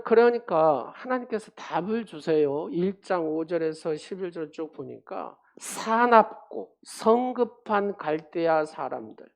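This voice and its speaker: A woman's voice: fairly low pitch, gravelly. A woman pastor delivering a sermon, pressing the congregation with emphatic rhetorical questions and dropping her voice at the ends of points.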